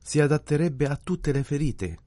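A man voicing a brisk, matter-of-fact doctor in an audiobook, firm and businesslike. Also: on the high side, lively intonation, warm tone, no room sound, pitched above the performer's own voice, close to an everyday voice.

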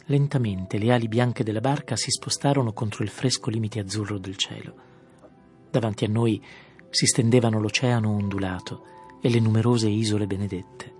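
A man narrating a literary audiobook in a measured, soft-spoken way, with faint music behind. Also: lowish voice, steady tone.

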